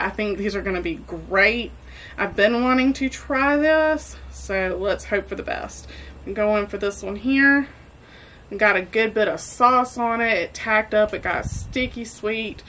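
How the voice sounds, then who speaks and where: A woman's voice: on the high side, a little slow, fairly bright tone, a little hiss or hum, rough recording. Chatty woman hosting a cooking vlog. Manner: chatty and enthusiastic. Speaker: barbecue cooking host. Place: home kitchen.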